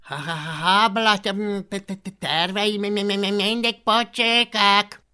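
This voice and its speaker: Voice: medium pitch, steady tone, sharp tone, smooth, pitched above the performer's own voice, natural voice. An audiobook reader voicing a mischievous little male dragon who stutters over his words. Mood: teasing stutter. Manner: stuttering, giggling.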